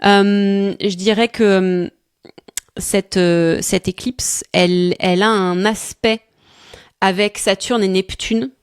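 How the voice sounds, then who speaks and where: A woman talks through astrology in a relaxed, chatty way, often pausing and restarting as she searches for words. She sounds tired, laughs easily, and the sound is dry and close. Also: medium pitch, clean tone, no room sound. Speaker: astrology coach co-host. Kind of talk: casual astrology talk.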